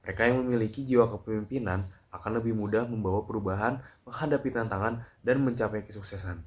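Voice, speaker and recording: Young male narrator, lowish voice, composed scripted read. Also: fast talker. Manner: composed, read-aloud delivery.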